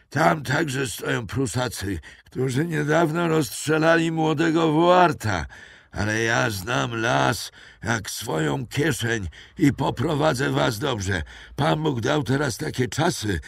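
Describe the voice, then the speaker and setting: Reading an audiobook, a man performs a full character voice for a rambling old French poacher, pitched above his own voice into a raised, strained old register. It comes out medium-pitched, creaky, husky, and fairly bright as he grumbles through folksy philosophy. The recording is dry, clean studio sound.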